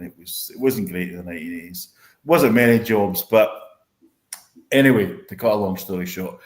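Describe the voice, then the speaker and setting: A man in his fifties from north-east Scotland with a Doric accent, chatting casually and ramblingly about the past as an interview guest, using local dialect words. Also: fairly low pitch. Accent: Doric north-east Scottish. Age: 50s. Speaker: interview guest, whisky industry veteran. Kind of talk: casual chat, reminiscing. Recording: roomy, echoing sound.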